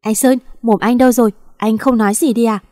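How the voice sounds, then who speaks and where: A woman's voice: mid-range voice, steady tone, brisk, mellow, close to an everyday voice. A woman reading the lines of a stern older father-in-law.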